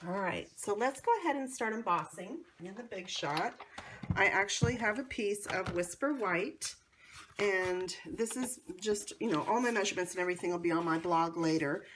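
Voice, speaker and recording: An American woman with a hoarse, cold-affected voice hosts a casual how-to craft demonstration in a chatty, enthusiastic way. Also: medium pitch, moderate pace, fairly bright tone, slight background noise. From North Carolina, United States. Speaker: craft tutorial host.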